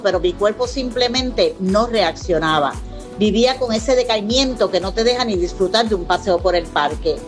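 A woman in her sixties from Puerto Rico giving an earnest, scripted customer testimonial. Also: medium pitch. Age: 60s.

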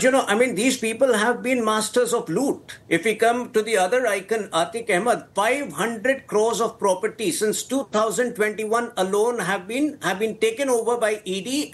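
Indian guy, high voice, party spokesman arguing on a tv debate, kinda halting. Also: a bit bright. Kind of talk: live political debate.

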